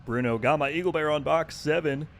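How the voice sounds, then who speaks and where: A man's voice: fairly high pitch, a little fast, slight background noise. A man streaming a video game, chatting casually and thanking viewers by name. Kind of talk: casual live-stream chat.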